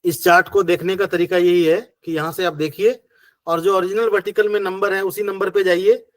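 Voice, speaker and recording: Male teacher, Hindi accent, high-ish voice, patient step-by-step explainer, dry close sound. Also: level tone, fairly quick, dry recording. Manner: patient, step-by-step, repeating rhetorical questions. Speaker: acupressure teacher. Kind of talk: online class explanation.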